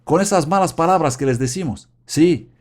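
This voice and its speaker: A man's voice: on the high side, normal speed. A man preaching a sermon, fervently exhorting his listeners and calling them friends.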